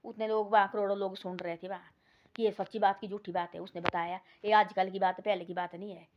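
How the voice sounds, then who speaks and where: A woman's voice: medium pitch, flat delivery, brisk, background noise. A woman telling a moral village story in a rambling, folksy way, full of repeats and restarts. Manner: rambling, repetitive, folksy retelling with many restarts. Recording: dull lo-fi recording.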